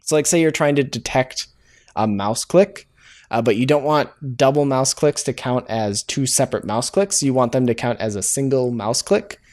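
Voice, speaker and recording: Here a man with a mid-range, darkish voice speaks at normal speed. He's hosting a casual coding walkthrough, thinking out loud as he programs, often hesitating, correcting himself, and filling gaps with filler sounds.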